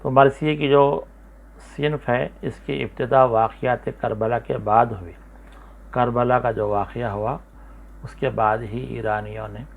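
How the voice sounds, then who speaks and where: A man with a Hyderabadi Urdu accent giving a lecture on poetry, explaining slowly with many fillers and repetitions. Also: medium pitch, vocal fry. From India. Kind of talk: spoken lecture. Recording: tinny phone-like recording.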